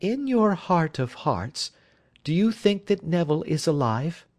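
A man's voice: a little high, sing-song, measured pace, a little mellow, pitched above the performer's own voice. A man voicing an anxious, earnest married woman in an audiobook, speaking politely and directly. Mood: earnest, insistent. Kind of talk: audiobook character voice.

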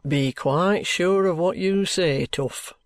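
Brief: reader playing a brisk, knowing detective; firm questions, dry studio. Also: mid-range voice, no room sound, pitched above the performer's own voice. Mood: probing. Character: shrewd, brisk male police detective.

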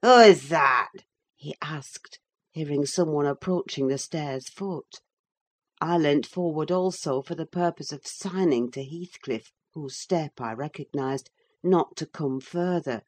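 Slow, low-voiced woman narrator. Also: mellow. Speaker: audiobook narrator. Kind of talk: first-person storybook narration.

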